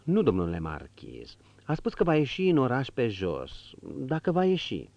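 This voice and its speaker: A man's voice: mid-range voice, huge pitch swings, vocal fry, a little mellow, dry recording, pitched above the performer's own voice. A man voicing an old, worried manservant who pleads and fusses over his master, in a dull recording. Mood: deferential. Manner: pleading, fussing. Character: old worried male servant. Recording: dull lo-fi audio.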